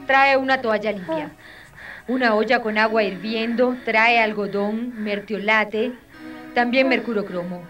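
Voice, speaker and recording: An actress playing an experienced mother who calmly coaches a young woman through childbirth, patient and firm. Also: fairly high pitch, measured pace, distant mic, faint music behind. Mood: caring. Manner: soothing, patient, firmly coaching. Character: calm experienced mother acting as midwife. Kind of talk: dubbed telenovela acting.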